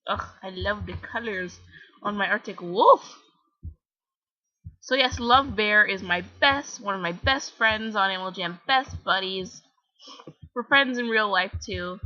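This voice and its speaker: A teenage Canadian girl with a Canadian accent vlogs her gameplay, rambling chattily and poking fun at herself. Her voice is medium in pitch, unhurried and sharp in tone, captured in a slightly dull lo-fi home recording.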